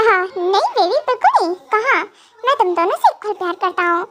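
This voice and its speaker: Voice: very high-pitched, big pitch swings, fairly quick, fairly bright tone, heavily acted. A reader voicing a vengeful, possessive young male mafia boss in an amateur fan dub, talking in a brooding, threatening way. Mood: anxious bossy. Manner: brooding, threatening, then fussing.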